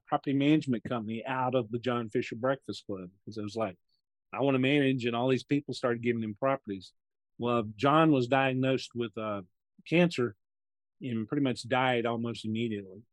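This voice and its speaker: A man in his sixties from the United States, with a mid-range voice and no echo, appears as a podcast guest who invests in real estate. Chatting casually in the interview, he tells rambling stories and acts out other people's lines.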